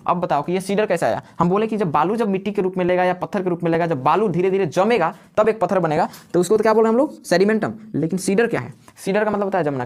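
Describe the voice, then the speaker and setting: A man teaching a live class, who keeps asking questions and answering them himself while repeating the key words. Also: sits high. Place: classroom with students.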